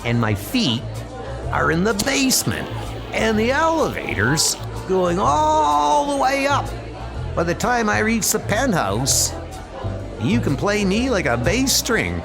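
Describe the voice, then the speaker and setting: Man voicing an excitable high-pitched wisecracker, Plastic Man. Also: takes it slowly, creaky, music in the background, a crowd in the background, exaggerated voice. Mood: manic bragging. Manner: excitable, joking, theatrical. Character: wisecracking rubbery male superhero, manic jokester. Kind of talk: comic book dub.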